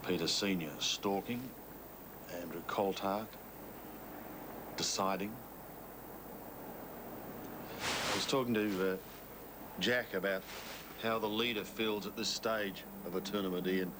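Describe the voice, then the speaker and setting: A male golf commentator with a fairly low voice leads a live television broadcast. He makes measured, conversational remarks on the play. Clear outdoor noise with some vehicle hum sits behind him. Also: fairly even intonation.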